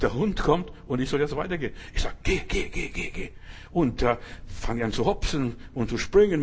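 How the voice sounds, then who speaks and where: A man preaching a sermon, telling a story and then urging listeners forcefully, often repeating himself. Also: a little high, slightly rough. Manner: storytelling, then forceful exhortation with bursts of emphasis; restarts and repeats words often, asks "verstehst du?".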